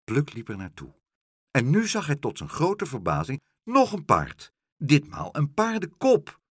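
Brief: male storyteller, slow and highly expressive children's read. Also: husky, no echo, studio quality. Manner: expressive and slow, with dramatic pauses. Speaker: narrator.

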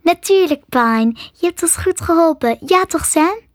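A firm, bossy young dragon tamer, as a woman reads her out. She speaks in a high, raised voice in this storybook reading. The sound is close and dry. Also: animated, measured pace, no echo.

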